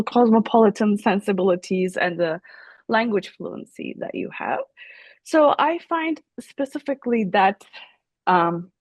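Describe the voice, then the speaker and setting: In an academic interview, a Turkish woman professor whose first language is Turkish answers questions thoughtfully, with plenty of fillers and restarts. Her voice is mid-range and a little mellow, recorded without echo.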